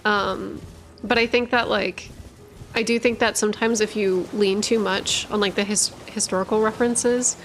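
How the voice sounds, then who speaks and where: A woman's voice: medium pitch, steady tone, normal speed, a bit bright, slight background noise. A woman hosting a livestream, chatting casually with viewers in a rambling way, full of filler words and self-corrections, tired after hours of streaming. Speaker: streamer and lore channel host.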